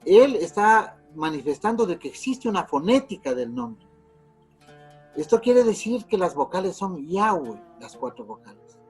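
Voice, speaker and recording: High husky guy lecturing on religious history, lots of ehs and restarts, faint music behind. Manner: explanatory, with many fillers and restarts. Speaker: religious teacher.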